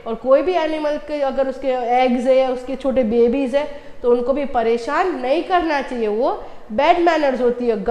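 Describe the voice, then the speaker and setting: A woman's voice: sits high, darkish tone, reverberant, long reverb tail. A woman teacher, reading a children's story aloud and explaining each line to her young class, often asking what happens next. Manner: reads each English line slowly, then explains it in Hindi. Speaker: school teacher.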